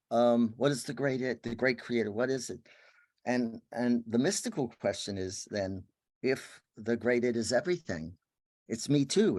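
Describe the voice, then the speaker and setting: A man giving an earnest spiritual talk, his voice often sinking to a soft, hushed murmur. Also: mid-range voice, no echo, studio quality. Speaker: workshop speaker.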